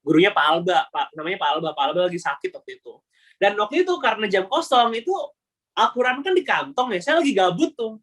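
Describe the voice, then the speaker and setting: A man's voice: high voice, fast. Young man chatting in slang. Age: young adult. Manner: slangy, animated, acts out quoted voices. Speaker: webinar speaker. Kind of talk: casual storytelling talk.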